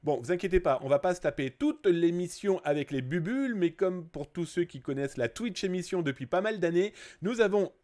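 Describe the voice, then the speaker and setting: Brief: middle-aged man from France, stream host, jokey and teasing, lively swooping voice, a bit high. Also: brisk, few pauses. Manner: playful, jokey, greets viewers by name. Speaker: livestream host. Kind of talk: casual live stream chat.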